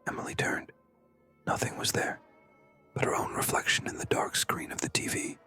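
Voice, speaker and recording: A narrator tells a scary story in a breathy, unvoiced whisper, keeping it hushed and suspenseful with pauses. Music plays in the background.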